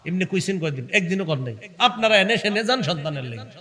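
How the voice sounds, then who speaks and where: A young man preaching an Islamic waz sermon, switching between animated explanation and slow chanted Quran recitation. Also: sits high. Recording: long hall reverb.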